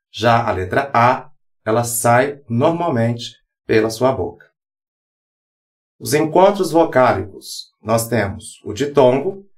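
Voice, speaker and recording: A man in a scripted grammar lesson, speaking at a slow, careful pace with a mid-range voice. He spells examples letter by letter and pauses between each word. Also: mid-range voice. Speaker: teacher.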